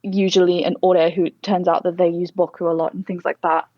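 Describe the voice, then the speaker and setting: A woman's voice: lowish voice, level tone, brisk, no echo, muffled recording. A young woman from Durham with a posh English accent and northern short A's, chatting reflectively in casual conversation as an interview guest. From Durham, northern England. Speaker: interview guest, Oxford student.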